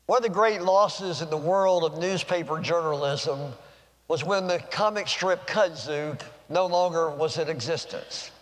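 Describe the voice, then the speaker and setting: An older Southern pastor preaches at the pulpit on a lapel mic, his voice sitting a touch high for a man. He speaks in an earnest, measured way with pauses, and the sanctuary adds a long, ringing reverb. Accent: American Southern. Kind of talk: sermon. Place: church sanctuary.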